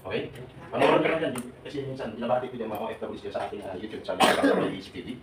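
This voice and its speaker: Fast-talking older man in a hall. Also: mid-range voice, heavy background noise. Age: 70s. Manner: animated, joking, questioning the audience. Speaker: OFW advocate speaking to workers. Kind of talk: live seminar talk to a crowd. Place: large hall with an audience. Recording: echoey hall, voice from far off.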